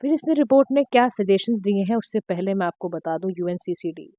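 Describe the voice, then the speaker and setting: A woman teacher, giving an exam-prep lecture in a direct, instructive way, her throat slightly hoarse. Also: medium pitch, animated, a little fast, mellow, dry recording. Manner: direct, instructive, mixing Hindi and English. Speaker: current affairs teacher.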